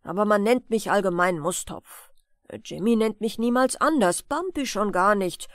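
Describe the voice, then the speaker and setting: A woman's voice: medium pitch, expressive, moderate pace, dry recording, studio quality, lightly acted. A woman doing a boastful circus horse. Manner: proud, sociable, louder, a bit grand.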